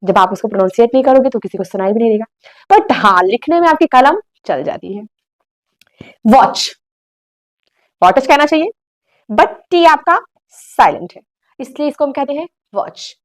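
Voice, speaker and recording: A young woman, an English teacher, giving a classroom lesson in Hindi and correcting words with quick rhetorical questions. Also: high voice, big pitch swings.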